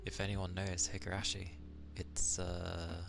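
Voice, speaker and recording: Soft-spoken and sometimes slipping into whispers, a man from England with an English accent chats casually on an ASMR stream. His voice sits low, monotone and creaky, his pace is unhurried, and background noise can be heard.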